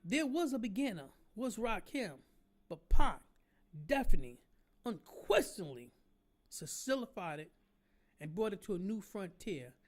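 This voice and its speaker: A man in his forties giving a heated, streetwise monologue to fans. He ends phrases with "man" and "understand?" and swings from low murmurs to loud, preachy outbursts. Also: sing-song, moderate pace. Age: 40s.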